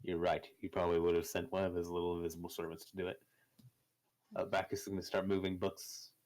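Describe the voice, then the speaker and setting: Brief: low-pitched male player, casual and wry. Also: completely flat delivery, quick pace, darkish tone. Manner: joking, offhand. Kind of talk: casual chat.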